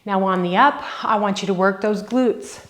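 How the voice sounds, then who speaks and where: A woman's voice: mid-range voice, normal speed, fairly bright tone. A woman fitness instructor leading a workout at home, counting reps aloud and coaching with encouragement. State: out of breath at times.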